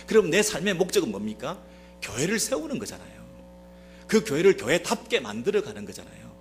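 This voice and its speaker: A man's voice: medium pitch, fairly bright tone. A Korean man preaching a Sunday sermon as a pastor, speaking straight to the congregation with many rhetorical questions. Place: church sanctuary.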